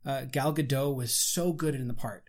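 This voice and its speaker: A man in casual conversation reviewing a movie, animated and full of fillers and restarts. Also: mid-range voice, normal speed.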